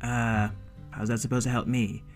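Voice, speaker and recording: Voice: mid-range voice, level tone, moderate pace, faint music behind, pitched below the performer's own voice, close to an everyday voice. A storyteller voicing a laid-back young robot who says like, uh and dude a lot. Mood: glum. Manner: slacker talk, full of like and uh.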